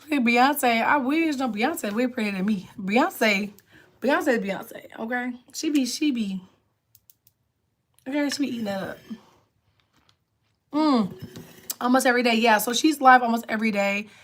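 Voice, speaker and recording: A woman hosts a casual livestream, chatting with viewers and reading their comments aloud before answering them. Illness has left her lower alto voice raspy, and she speaks a little slowly, pausing often.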